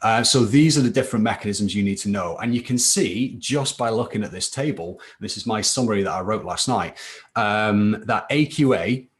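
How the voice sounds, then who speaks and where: A man's voice: fairly low pitch, moderate pace. Chatty man teaching a live class. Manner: chatty, keeps adding "okay?" to check in. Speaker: chemistry tutor. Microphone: computer mic for a live stream.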